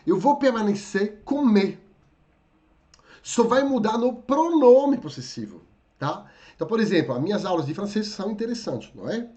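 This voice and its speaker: A man teaching in a live online lesson, slightly hoarse and coughing a little, who keeps checking in with his viewers. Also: high-pitched, moderate pace. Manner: lively, addresses viewers as "gente", frequent "tá?" check-ins. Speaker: French teacher.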